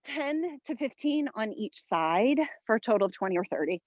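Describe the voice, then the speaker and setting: High-voiced woman coaching a home workout. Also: very animated, normal speed, lo-fi sound, a little hiss or hum. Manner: motivational coaching in short commands and counts; exerting while talking, audible breaths and sighs. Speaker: fitness instructor, workout host. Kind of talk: instructing a follow-along home workout.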